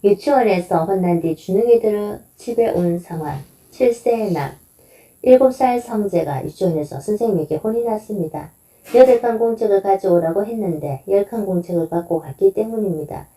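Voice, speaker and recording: Calm woman reading a parenting lesson. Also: mid-range voice, echoey room, far from the mic. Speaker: parenting instructor. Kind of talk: scripted read-aloud lesson.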